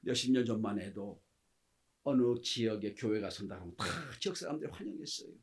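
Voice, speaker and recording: A middle-aged male pastor preaching a sermon with passion, acting out quoted speech and swinging between loud exclamations and near-whispers. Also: fairly low pitch, lively intonation, fairly quick.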